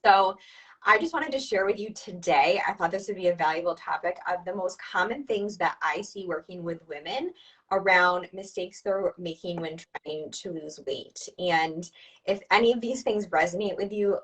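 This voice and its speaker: A woman's voice: lowish voice, far from the mic, low-quality recording. A woman who is a dietitian and nutrition coach, giving chatty, upbeat coaching advice on a video call. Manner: upbeat, chatty, asks listeners to respond. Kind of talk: conversational explainer, coaching advice.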